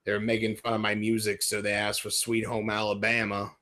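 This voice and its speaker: A man's voice: on the low side, monotone, brisk, bright, forceful tone. A man from Ohio rambling jokily through a casual livestream in a put-on British-sounding accent. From Ohio, USA. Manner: rambling, self-deprecating, jokey. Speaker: livestream host. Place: dim room at home.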